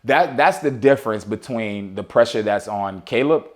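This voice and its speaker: A man co-hosts a laid-back sports talk show, riffing loosely with many restarts and fillers. He breaks into playful, excited outbursts mid-thought. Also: fairly low pitch, moderate pace. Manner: animated, talks over his co-host with playful outbursts. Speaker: podcast co-host. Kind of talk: casual sports chat.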